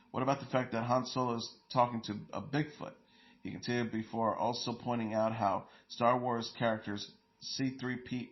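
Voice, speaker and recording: A man's voice: medium pitch, muffled recording. A man hosting an entertainment news show, reading stories and quotes in a plain delivery with small slips and fillers.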